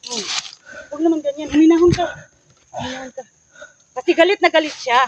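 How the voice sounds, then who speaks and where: A woman vlogger stepping in to calm two arguing friends. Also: sits high, fast talker, no room sound, highs cut off. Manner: pleading, peacemaking. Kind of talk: mediating a staged argument.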